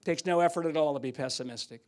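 An older man preaching a sermon in a church, telling stories and swinging from loud outbursts to hushed asides. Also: fairly high pitch, fast. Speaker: guest preacher. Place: church sanctuary.

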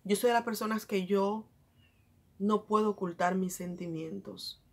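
A woman's voice: mid-range voice, steady tone, a little slow. A woman vlogger talking in a casual, confiding way, affectionately calling her viewers "bellas". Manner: chatty, addresses viewers as "bellas". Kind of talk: casual confiding vlog chat.

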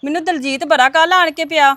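A woman's voice: high-pitched, fairly even intonation, fast talker, fairly bright tone, no echo, faint music behind. A woman plays an offended neighbor who complains in an aggrieved tone. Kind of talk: family web series acting.

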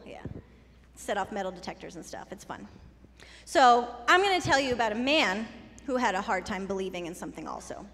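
Woman, children's sermon, playful, chatty with kids, high voice, long church reverb. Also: fairly bright tone. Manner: playful, conversational, talking to kids. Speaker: children's message leader. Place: church sanctuary.

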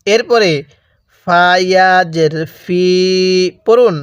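A man's voice: high voice, slow, no room sound, highs cut off. A man teaching Quran reading with a Bangladeshi Bengali accent, patiently drilling letter sounds syllable by syllable for listeners to repeat after him. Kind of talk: slow call-and-repeat recitation lesson.

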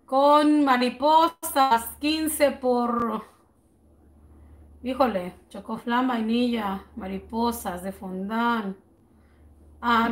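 A woman hosting a baking channel live stream, chatting casually with viewers, greeting them by name with slow drawn-out words and thinking aloud as she works out prices. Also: high voice, a bit bright.

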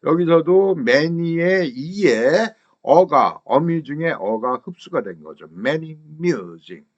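Man drilling English phrases slowly. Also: fairly high pitch, lively intonation, muffled recording. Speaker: English pronunciation teacher. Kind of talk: lecture on English pronunciation.

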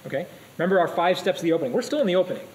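A man's voice: sits high, rapid-fire, a little hiss or hum, rough recording. Upbeat man teaching a class. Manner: energetic, asks the class questions. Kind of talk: live classroom lecture. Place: classroom with students.

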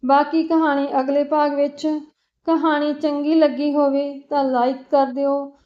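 Slow high-voiced woman storyteller. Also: muffled recording. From Punjab. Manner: calm, measured reading. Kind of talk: scripted story narration.

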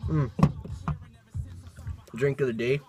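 A man's voice: medium pitch, steady tone, slow pace. A young man in casual vlog chat, talking around a packed wad of chewing tobacco with sweary, laid-back slang, recorded inside a truck cab. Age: young adult. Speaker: product reviewer. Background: music playing.

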